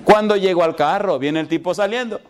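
A man's voice: high-pitched, brisk, clean tone. A middle-aged male pastor who tells a story in his sermon, laughing often and putting questions to his congregation.

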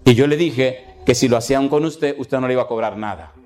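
Humorous pastor telling a story. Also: male voice, mid-range voice, brisk. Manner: humorous, animated, acts out dialogue. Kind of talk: storytelling sermon.

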